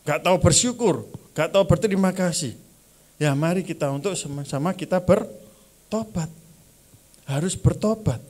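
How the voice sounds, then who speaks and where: A man's voice: sits high, lively intonation, moderate pace, long pauses, a little mellow. A male pastor preaching a sermon at a church service, dropping in phrases and acting out short prayers and grumbles. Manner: acts out prayers and grumbles in small voices; mixes in Javanese phrases.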